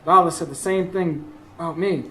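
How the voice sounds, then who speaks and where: In a radio drama performed on a live stage, a man plays a weary, anxious working husband, giving first-person narration in a weary, musing mood. His voice is fairly high, bright and forceful, with fairly even intonation at normal speed. Faint background noise can be heard.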